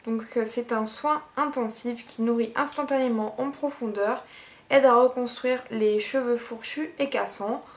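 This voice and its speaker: A young woman chatting casually in a haul vlog, unhurried, with many fillers. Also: fairly high pitch. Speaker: beauty vlogger.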